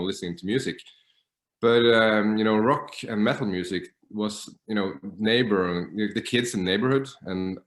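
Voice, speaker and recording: Norwegian man, roomy echoey sound. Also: lowish voice. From northern Norway. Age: 30s. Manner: hesitant, many fillers, relaxed. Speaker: guest guitarist. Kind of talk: casual interview.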